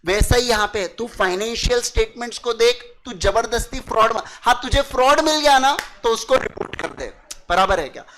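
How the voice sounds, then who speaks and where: High-voiced man teaching casually. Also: lively intonation, moderate pace, fairly bright tone, slight background noise, low-quality recording. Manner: chatty, asks for understanding constantly, mixes English terms. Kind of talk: casual classroom lecture.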